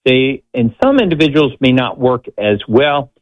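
A man speaking as a medical expert guest on a radio show, explaining conversationally in a halting, measured way. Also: mid-range voice, very animated. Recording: slightly dull, band-limited audio.

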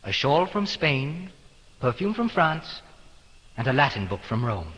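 A young male actor playing an earnest prince, addressing his court formally and deliberately in a theatrical period drama. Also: medium pitch, sing-song, fairly bright tone. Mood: earnest, assured. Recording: reverberant hall.

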